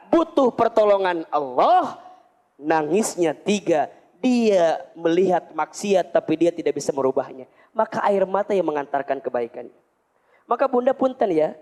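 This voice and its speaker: A male preacher with a Sundanese accent gives an emotive sermon, with regional words running through his speech. His pitch swings widely from line to line. He often acts out heartfelt prayers as he talks. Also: a little mellow. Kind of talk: sermon to a women's study group.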